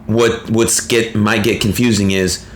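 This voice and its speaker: A man's voice: fairly low pitch, little pitch movement, measured pace, a little hiss or hum. A man, a youth baseball coach co-hosting a casual podcast, explaining his thoughts and checking in with "right?". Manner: reflective, explaining, frequent "right?" tags. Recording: roomy echo.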